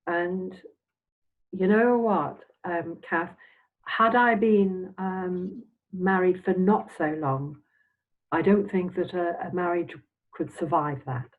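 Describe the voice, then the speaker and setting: Speaking in a lowish voice, an elderly Scottish woman who is a semi-retired Spiritualist minister and medium recalls past events for an interviewer. Her reflective, anecdotal talk is halting and roundabout, full of trailing phrases, and the audio is dull and phone-like.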